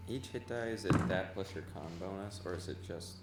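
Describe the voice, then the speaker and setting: A man's voice: low voice, fairly quick, loud music behind the voice. A man playing in a tabletop game, joking and asking rule questions. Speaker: player. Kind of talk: casual tabletop chat. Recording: roomy, distant and noisy.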